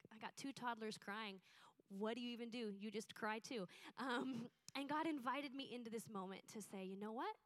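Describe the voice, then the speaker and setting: Young woman, slightly high voice, earnest heartfelt sermon storytelling. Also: a bit bright. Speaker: church speaker.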